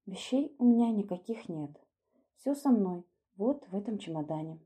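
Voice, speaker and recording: A woman's voice: on the high side, expressive, fairly quick, warm tone, voice pushed up, lightly acted. A woman voicing a shy, poor young governess who speaks in an earnest, flustered way.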